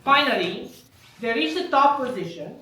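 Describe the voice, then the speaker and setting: A woman's voice: on the high side, expressive, moderate pace, pushed and bright. A woman comedian doing live prop stand-up, delivering wry wordplay and chuckling at her own jokes. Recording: echoey room, mic at a distance.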